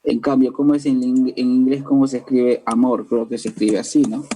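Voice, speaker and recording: On a rough recording with a little hiss or hum, a man with a mellow, medium-pitched voice lectures briskly with little pitch movement. He teaches language with a Peruvian Spanish accent, explaining clearly, using "¿no?" tag questions, and addressing students directly.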